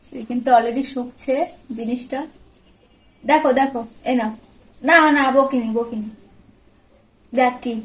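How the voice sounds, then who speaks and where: A woman's voice: a little high, steady tone, measured pace, long pauses. A woman vlogging at home, coaxing her pet dog with repeated short words. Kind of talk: casual home vlog, talking to a pet dog. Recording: echoey room.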